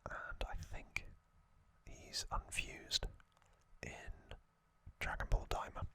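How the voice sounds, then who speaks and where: A man in his thirties hosts ASMR, whispering casual fan commentary in a soft, unhurried way with long pauses.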